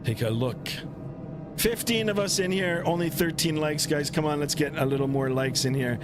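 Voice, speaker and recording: A man hosts a flight simulator livestream, giving casual commentary in halting phrases full of pauses. A steady aircraft engine rumble sits behind his voice.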